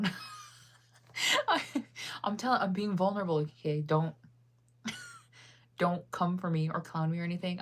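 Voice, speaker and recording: A young woman from the US, chatting casually on a live stream, laughing often and answering her chat. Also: lowish voice. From United States. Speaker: livestreamer.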